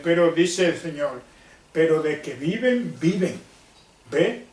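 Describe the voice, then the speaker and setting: A male preacher gives a sermon, slowly and emphatically, asking questions and answering them himself. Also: high-pitched, recorded from a distance. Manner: slow, emphatic, asks and answers own questions. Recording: echoey room, off-mic.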